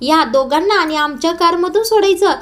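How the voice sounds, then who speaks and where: A woman's voice: very high voice, animated, normal speed, fairly bright tone. A woman voicing a haughty middle-aged woman who looks down on her poorer in-laws, in a cutting, contemptuous way. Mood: scornful.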